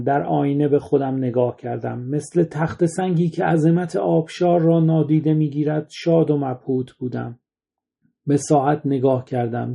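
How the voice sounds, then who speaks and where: A man's voice: medium pitch, creaky, dark tone. A man reading a somber first-person short story aloud as its narrator.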